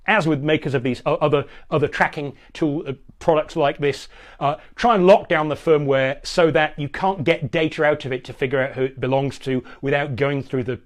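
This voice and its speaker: Chatty man explaining tech gadgets. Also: on the high side. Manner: chatty, rambling with frequent restarts. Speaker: host.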